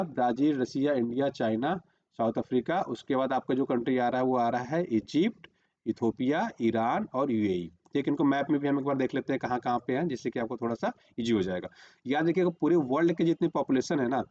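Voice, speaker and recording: A man's voice: medium pitch, brisk, a little mellow, highs cut off. A man teaching a current-affairs lesson for exam prep, repeating "remember" and "okay" while marking a map on screen.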